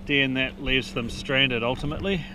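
A relaxed man in his thirties from New Zealand walks through his fishing setup in a plain, practical way while out on a jet ski. His voice sits at an ordinary middle pitch. Wind and water rush loudly around the action-camera mic. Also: normal speed. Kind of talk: casual how-to narration. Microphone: action camera mounted on the craft. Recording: windy outdoor action-camera audio. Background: wind and water noise.

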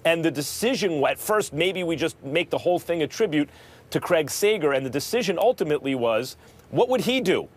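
A middle-aged man with a slightly higher voice co-hosts a sports talk show. He speaks in a measured, thoughtful way and often halts to restart a phrase. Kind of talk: conversational sports talk tribute.

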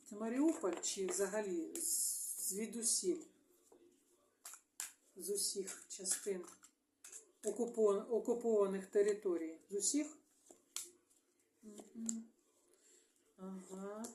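A Ukrainian woman, a tarot reader, talking alone to her viewers in a halting way, thinking aloud and murmuring small agreements to herself. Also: medium pitch, mellow, a little hiss or hum. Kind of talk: solo video monologue. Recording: echoey room.

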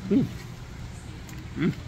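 A man's voice: very slow, lo-fi sound, background noise. A man reviewing food in a casual vlog, talking with his mouth full while chewing. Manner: enthusiastic, relaxed tasting. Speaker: food vlogger.

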